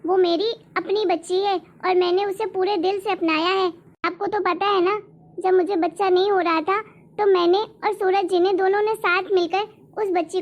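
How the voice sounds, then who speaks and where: A woman voicing a caring mother in a family story, soft-spoken and steady. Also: very high voice. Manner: soft, soothing. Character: gentle loving mother of a young daughter. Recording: dull lo-fi recording.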